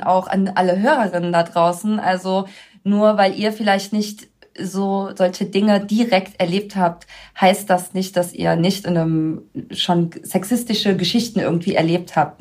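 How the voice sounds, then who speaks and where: A woman's voice: mid-range voice, moderate pace. A woman hosting a podcast in casual chat, talking freely and laughing often as she tells stories. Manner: chatty, laughs often, lively storytelling. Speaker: podcast host.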